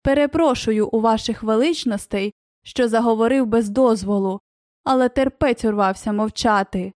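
A woman's voice: normal speed, a little mellow, dry recording, studio quality, lightly acted. Woman doing a sly, scheming fat traitor. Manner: wheedling, shrill.

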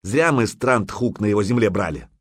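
A man's voice: fairly low pitch, animated, moderate pace, slightly rough, no echo. A man doing a shrewd, knowing viking warrior.

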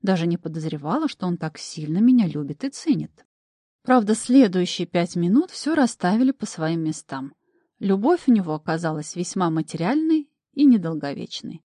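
A woman narrating a first-person audiobook in a lively, wry storytelling manner. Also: fairly low pitch, moderate pace, no echo, clean studio sound.

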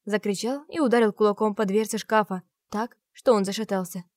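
Female audiobook narrator, mid-pitched, dramatic first-person romance read, dry recording. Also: brisk, darkish tone, no echo.

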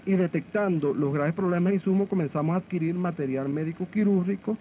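A man with a Venezuelan accent, a hospital director interviewed on AM radio, halting and repeating words as he searches for them. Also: sits high, mellow. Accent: Venezuelan Spanish. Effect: AM radio broadcast sound. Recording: muffled AM radio with faint hiss.

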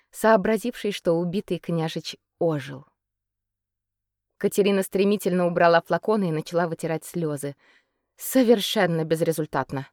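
A woman narrating a fairy-tale novel in an expressive, measured storytelling manner. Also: on the low side, no echo, clean studio sound. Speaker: audiobook narrator. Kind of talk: scripted narration.

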